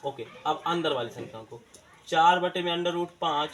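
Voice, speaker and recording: A man's voice: on the high side, normal speed, fairly bright tone. A man teaching a math lesson, asking questions and answering them himself in a colloquial way. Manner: colloquial eastern Hindi words. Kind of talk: classroom-style math lesson video.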